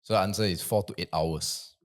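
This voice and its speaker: A man's voice: low-pitched, brisk. A man with a Singaporean accent hosting a casual group chat and putting quiz questions to the others. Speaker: host reading quiz questions.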